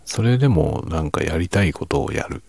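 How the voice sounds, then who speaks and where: A hobby novelist and streamer talks in a soft, very deep, gravelly voice, sounding reflective and casual. Though his husky tone stays low-key and self-mocking like late-night chatter, he's expressive and brisk here, in a dry recording.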